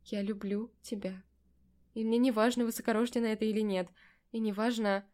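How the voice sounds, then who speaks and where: A woman's voice: fairly high pitch, fairly even intonation, normal speed, natural voice. A woman reading an audiobook and voicing an earnest young nobleman who speaks sincerely and firmly. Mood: tender. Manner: gentle, sincere, sometimes sharp.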